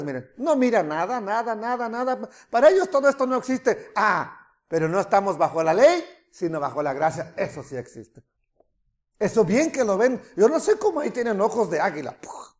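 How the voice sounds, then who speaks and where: A man preaching a sermon as pastor, animated, with mocking asides and rhetorical questions. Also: very high voice.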